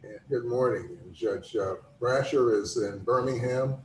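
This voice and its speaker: An older man presiding as a judge, making formal procedural announcements in a measured, courteous, orderly manner. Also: mid-range voice, darkish tone. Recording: roomy, distant mic with background noise.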